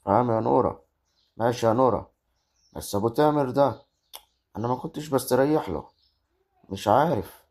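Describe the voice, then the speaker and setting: A man's voice: medium pitch, darkish tone, natural voice. A man with an Egyptian accent playing a young married farmer who argues and defends his wife in a village drama. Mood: musing. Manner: arguing, protesting. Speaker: actor in a web drama. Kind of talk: amateur village drama acting.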